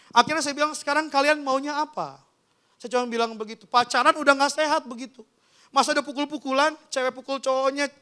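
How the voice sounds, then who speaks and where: A male pastor preaching a sermon in church, animated, acting out quotes and sound effects. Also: extremely high pitch. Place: church hall.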